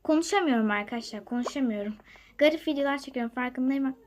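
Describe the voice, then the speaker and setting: A young woman talks her viewers through a game in a high, bright voice. She drops to a whisper one moment and calls out loudly the next. A faint hiss runs under the recording. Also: quick pace. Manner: lively, talks to viewers, jumps between loud excitement and quiet whispers. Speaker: gaming channel host. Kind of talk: chatty gameplay commentary.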